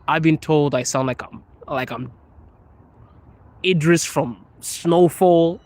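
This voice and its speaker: Streaming live from his phone on a cold outdoor city street, a man from Zimbabwe casually reads and jokes about comments from chat, laughing as he walks. He speaks slowly in a fairly high, slightly mellow voice.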